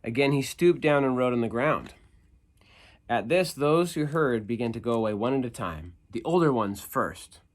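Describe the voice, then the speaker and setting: A man's voice: mid-range voice, moderate pace. A man speaking as an upbeat youth pastor, giving an informal, conversational devotional with slangy phrasing and emphatic repetition. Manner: upbeat youth-pastor delivery, casual and animated. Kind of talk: informal youth devotional talk with scripture reading.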